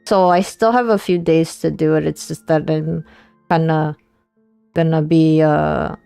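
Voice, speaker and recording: A woman's voice: deep voice, steady tone, takes it slowly, vocal fry, dark tone, clean tone, dry recording, faint music behind. A woman streamer chatting casually and informally to viewers on a livestream.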